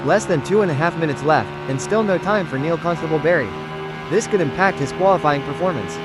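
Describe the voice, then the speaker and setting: Brisk male lead commentator for a racing game, played by a man, quick delivery over game music. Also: on the high side, lightly acted, low-quality recording. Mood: matter-of-fact. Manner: steady play-by-play updates. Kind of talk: scripted race commentary.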